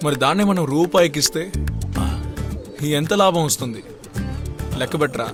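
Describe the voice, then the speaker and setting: An actor playing a stubborn, scheming young man in dubbed film dialogue, fast and pushy. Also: fairly high pitch, animated, music in the background, natural voice. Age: young adult. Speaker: son.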